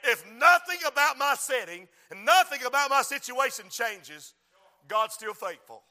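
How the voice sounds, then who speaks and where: A man preaching a sermon with rhythmic repetition, moving from quiet talk to shouting. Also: very high voice, very animated, normal speed, in a large hall. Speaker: preacher and school principal.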